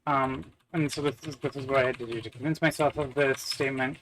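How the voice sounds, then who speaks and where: A man's voice: mid-range voice, fairly even intonation, fast talker, a bit bright, slight background noise, low-quality recording. A man, thinking aloud while coding on a live stream, muttering to himself with many fillers and wry self-deprecating asides. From Canada. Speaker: software developer live-streaming. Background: keyboard typing.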